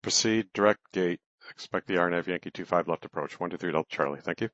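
A man's voice: sits low, fast talker, a bit bright, no room sound. A man radioing air traffic control from a cockpit headset, giving clipped procedural readbacks. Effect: pilot radio over cockpit headset. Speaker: private pilot. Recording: dull lo-fi radio transmission.

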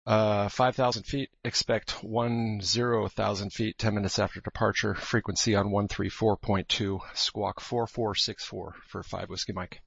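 A man's voice: lowish voice, fairly even intonation, moderate pace, creaky, hardly any pauses, a bit bright, slightly rough, dry recording. A man talking as a pilot through a cockpit headset radio, making clipped, terse radio calls to air traffic control. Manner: clipped, terse radio phraseology with brief hesitations. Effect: pilot talking over a cockpit headset radio. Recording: muffled radio transmission.

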